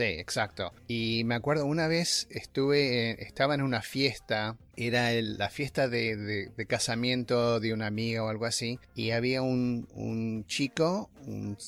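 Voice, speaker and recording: A man's voice: medium pitch, a bit bright. A man with an Argentine accent, a podcast guest chatting casually and hesitantly, with many filler sounds. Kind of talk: casual conversation. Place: New York.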